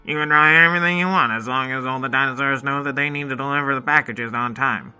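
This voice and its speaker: A man's voice: medium pitch, fast, bright, forceful tone, clean tone, soft background music. A man voicing a bossy old female pterodactyl announcer in a children's story, with a curt, dismissive manner. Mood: brisk, dismissive.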